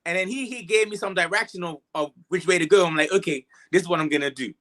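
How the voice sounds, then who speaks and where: A man's voice: high-pitched, fast. A man with a Bermudian accent chatting casually as a musician guest, retelling exchanges by acting out the dialogue. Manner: animated retelling with quoted dialogue. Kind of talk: casual interview chat, storytelling.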